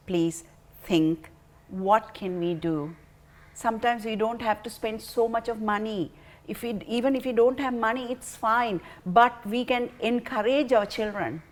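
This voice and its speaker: Slow-speaking Sri Lankan-accented woman presenter. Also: medium pitch. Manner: emphatic, halting, repeats phrases. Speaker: programme presenter. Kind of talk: earnest unscripted appeal to viewers.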